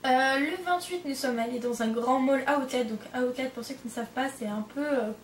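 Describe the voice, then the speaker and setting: A woman's voice: high voice, a little fast, slight background noise. A young woman in her twenties from France chatting casually in a vlog, rambling with lots of fillers and self-corrections. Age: 20s. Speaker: au pair vlogger. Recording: roomy echo, distant from the mic.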